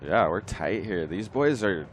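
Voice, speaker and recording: Laid-back surfer announcer, lowish voice. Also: male voice, expressive, unhurried. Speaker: surf contest announcer. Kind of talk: live surf contest commentary, casual. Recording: outdoor background noise.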